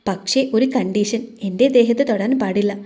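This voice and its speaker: A woman's voice: medium pitch, normal speed, dark tone, close to an everyday voice. A woman voicing a shy, flustered young bride in a romantic audio story. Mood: coy.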